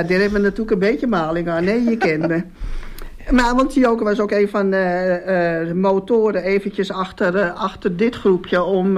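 A woman hosting a casual radio interview, chatty and hesitant, often echoing the other speaker's words. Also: mid-range voice. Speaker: radio host.

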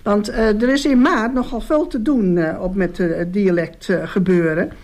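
Woman hosting local radio, chatty, kinda halting, unscripted. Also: medium pitch, steady tone, darkish tone. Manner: hesitant, chatty, echoes the guest's words. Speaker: radio host. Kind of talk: casual, unscripted radio interview.

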